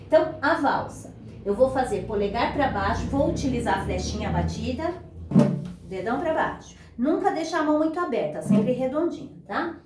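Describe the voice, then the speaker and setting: A woman's voice: high voice, lively intonation, normal speed, background noise. A woman teaching beginners guitar, explaining patiently step by step and counting beats aloud. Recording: echoey room, voice a bit far from mic, guitar playing.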